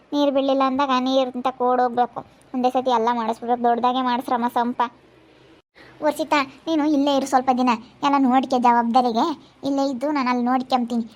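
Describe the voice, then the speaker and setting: A woman chatting in a family vlog, brisk and reassuring. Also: high-pitched. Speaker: family vlogger. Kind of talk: casual family chat.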